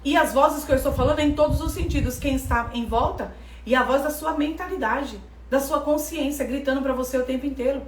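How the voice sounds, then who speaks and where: A woman's voice: high-pitched, fairly quick, slight background noise. A woman with a Brazilian accent giving a preaching lesson, emphatic and repeating phrases for stress. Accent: Brazilian Portuguese. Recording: echoey room from far off, faint ambience.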